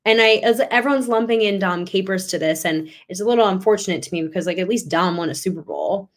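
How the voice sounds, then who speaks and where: Fast-talking and medium in pitch, this young female podcast host chats casually about sports. She grows animated and increasingly emphatic as she speaks.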